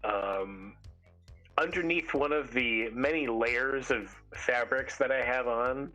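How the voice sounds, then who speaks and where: A man playing a character in a tabletop game, relaxed and joking. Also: medium pitch, slow pace, faint music behind, low-quality recording. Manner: laid-back, joking. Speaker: player.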